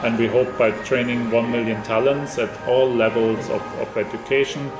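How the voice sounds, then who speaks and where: A man giving formal interview answers as an institute director, measured and full of ums and restarts. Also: mid-range voice, roomy sound, music in the background, poor audio. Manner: measured, flat delivery with frequent ums and restarts.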